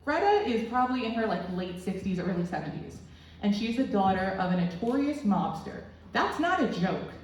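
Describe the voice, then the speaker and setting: A woman's voice: mid-range voice, big pitch swings, moderate pace. A woman in her twenties doing rambling, crude, self-deprecating stand-up storytelling in a small club room. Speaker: stand-up comedian. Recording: very echoey room, distant mic, faint noise.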